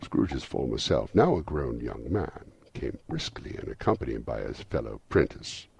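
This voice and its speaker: A man reading a story aloud in a lively, rhythmic, dramatic manner. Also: a bass voice, normal speed, vocal fry, breathy edge.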